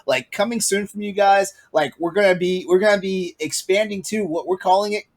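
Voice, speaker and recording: A man hosting a casual gaming podcast, chatty and excitable, with many fillers and bursts of laughter. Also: high voice, fairly quick, gravelly. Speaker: podcast host.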